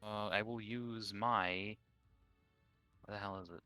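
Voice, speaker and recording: A man's voice: lowish voice, steady tone, slow pace, pushed and bright, dry recording, soft background music. A young man playing a tabletop game, swearing and talking in a loose, scattered way. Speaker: player. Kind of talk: casual chat.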